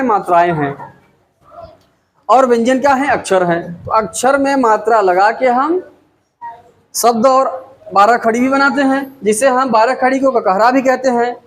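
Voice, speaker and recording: A man teaching a language lesson, stretching out each example word slowly and repeating it for pronunciation. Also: very high voice, low-quality recording. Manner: slow, drawn-out word-by-word pronunciation drills. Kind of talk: spoken English lesson.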